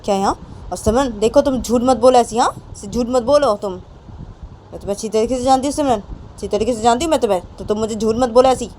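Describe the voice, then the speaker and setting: A woman's voice: high voice, fairly quick, darkish tone, a little hiss or hum, lightly acted. A woman voicing a stern, angry mother who scolds her daughter, repeating her questions. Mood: scolding.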